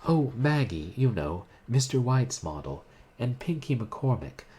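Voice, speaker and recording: A man's voice: medium pitch, very animated, unhurried, mellow, slight background noise, voice pushed up. A man voicing a chatty young woman who works as an artist's model. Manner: bubbly, gossipy chatter.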